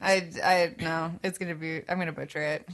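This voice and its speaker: A woman's voice: deep voice, fairly even intonation, brisk, fairly bright tone. Laughing, chatty woman actor. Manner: bubbly, laughs often, quotes herself. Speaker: podcast co-host, actor. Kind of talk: casual chat.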